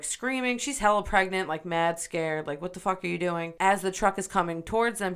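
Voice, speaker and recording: Woman from upstate New York, lowish voice, profane and animated podcast storyteller. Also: smooth. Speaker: podcast co-host. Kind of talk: casual storytelling.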